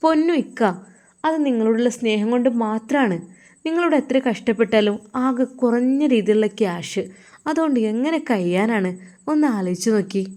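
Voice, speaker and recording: A woman's voice: fairly high pitch, lively intonation, normal speed, warm tone, close to an everyday voice. A woman voicing a young wife from Malappuram who coaxes her husband in a wheedling, sing-song way. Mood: coaxing. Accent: Malappuram Malayalam.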